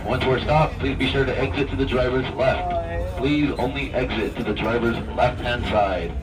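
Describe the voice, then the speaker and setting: A man working as a tram driver, giving firm, repetitive live instructions over a tram loudspeaker. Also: medium pitch, normal speed, over a noisy crowd. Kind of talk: live public announcement. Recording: distant loudspeaker with heavy noise.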